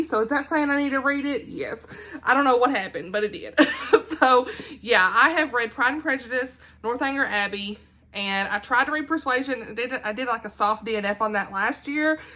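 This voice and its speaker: A woman's voice: on the high side, sharp tone. A young woman, chatting casually to her viewers as a book vlogger, giggling now and then. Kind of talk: casual chat.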